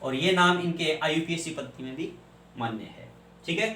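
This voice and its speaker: A man's voice: a little high, normal speed, pushed and bright, recorded from a distance, a little hiss or hum. A male chemistry teacher, lecturing and asking questions he then answers himself. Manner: asks questions and answers them himself, spells out names. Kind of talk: classroom lecture. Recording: echoey room, voice from off-mic.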